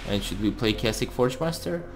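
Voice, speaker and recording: A man's voice: medium pitch, lively intonation, brisk, creaky. A man giving casual gameplay commentary, thinking aloud as he plays. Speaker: host of a card game let's play series. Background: music.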